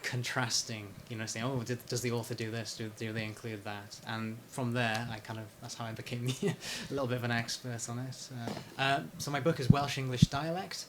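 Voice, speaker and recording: A man in a casual interview, talking about his research and book in a hesitant way, with many pauses and restarts. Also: medium pitch, fairly even intonation, background noise. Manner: hesitant, lots of fillers and restarts. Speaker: interviewee, PhD researcher and author.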